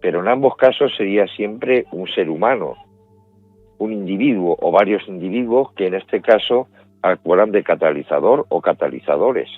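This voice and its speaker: A middle-aged man with a Spanish accent speaks in a low voice, laying out his ideas step by step and often restarting his phrases. He is heard through a dry, phone-like remote line with faint music underneath. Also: animated, no echo. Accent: Spanish from Spain. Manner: measured, explains step by step with restarts. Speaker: paranormal investigator guest. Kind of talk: interview answers, explanatory.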